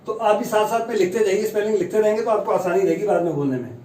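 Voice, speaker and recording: A man teaching the pronunciation of long English words, chatty and self-deprecating, slowly sounding out each word. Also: high-pitched, mellow, echoey room, far from the mic, slight background noise, poor audio. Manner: slow, careful spelling-out of long English words. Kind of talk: Hindi-language pronunciation lesson.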